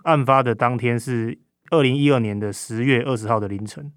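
Taiwanese reporter guy telling a case thru a face mask, medium pitch, very dry close sound. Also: fairly quick, no echo. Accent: Taiwanese Mandarin. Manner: speaking through a face mask. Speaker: crime reporter as podcast guest. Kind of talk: conversational recounting of a news case.

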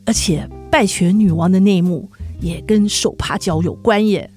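A woman's voice: on the low side, normal speed, soft background music. A woman co-hosting a casual entertainment gossip chat, telling stories and acting out what people said. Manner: animated storyteller acting out quoted people.

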